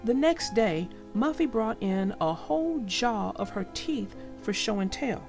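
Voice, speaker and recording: A woman narrating a storybook for young children in an expressive, deliberate way. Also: fairly high pitch, over music.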